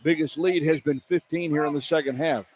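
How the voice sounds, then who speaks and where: An American man calls a basketball game live on radio from courtside in an indoor arena, in clipped running phrases that track the action. His voice is a little high and fairly quick with fairly even intonation, and arena noise is clearly audible.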